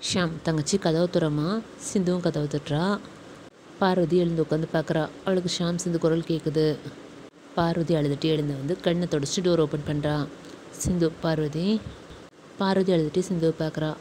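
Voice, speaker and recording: A woman narrating a serial story in a measured, descriptive way. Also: low-pitched, steady tone, mellow, slight background noise, low-quality recording.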